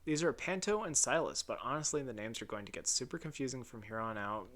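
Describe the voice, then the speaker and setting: A man reads through his own video essay script in a raw, unedited take. His voice sits at an ordinary middle pitch. He keeps it casual and wry, swears now and then, and simply starts a sentence over when he flubs it. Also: lively intonation, fast talker, fairly bright tone. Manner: casual, wry, swears, restarts flubbed lines.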